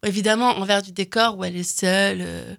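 A woman's voice: mid-range voice, fairly even intonation, brisk, creaky, fairly bright tone. A woman recommending films in casual chat, talking with many fillers and restarts. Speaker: film recommendation guest. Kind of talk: casual radio film chat.

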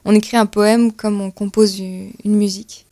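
A woman interviewing a poet, asking measured questions with some fillers. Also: medium pitch, level tone, warm tone.

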